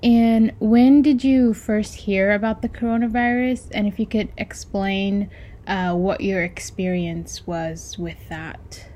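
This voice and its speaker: A woman conducting an oral history interview, asking polite, measured questions with a few fillers. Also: mid-range voice, fairly even intonation, dark tone, slight background noise.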